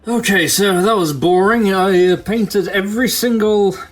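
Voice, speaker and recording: A toy customizer presents a casual hobby tutorial on his own channel, thinking aloud informally as he works. He has a high-pitched voice and an unhurried delivery, with soft music playing behind him.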